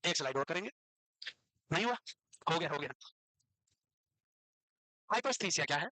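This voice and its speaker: Bright high-voiced Indian man teaching. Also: expressive, dry recording, low-quality recording. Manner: repeats and slowly dictates English definitions, quizzes students; teasing, scolds students playfully. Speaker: nursing teacher. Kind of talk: online class lecture, dictating notes.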